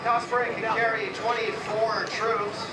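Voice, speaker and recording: A man's voice: high voice, level tone, measured pace. A man giving airshow commentary as an announcer over an outdoor public address system, presenting facts to spectators. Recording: echoey distant loudspeaker, very loud aircraft noise. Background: loud aircraft and outdoor noise.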